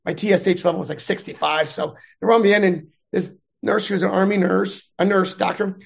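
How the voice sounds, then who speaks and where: Middle aged guy, high gravelly voice, chatty, acts out what people said. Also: brisk. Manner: rambling, animated retelling with voiced quotes. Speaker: guest, veteran and math adjunct instructor. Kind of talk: casual storytelling interview.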